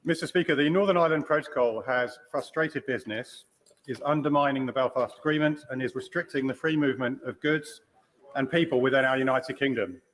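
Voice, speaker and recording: Mid-pitched man questioning in parliament. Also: fairly quick, a bit bright, poor audio. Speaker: member of parliament asking a question. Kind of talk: formal prepared parliament speech. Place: large parliamentary chamber. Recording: faint background chamber noise.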